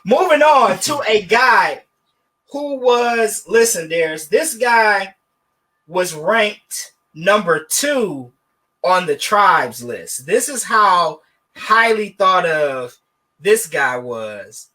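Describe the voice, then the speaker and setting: A man co-hosting a podcast, animated and joking, with sarcastic asides in casual sports debate. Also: high-pitched, drawn-out words. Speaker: podcast co-host.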